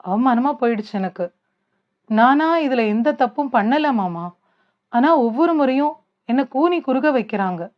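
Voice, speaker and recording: Woman narrator doing an emotional young bride, earnest, higher voice, dull lo-fi recording. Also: lively intonation, a little slow. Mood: hurt. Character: hurt young bride, tearful then defiant.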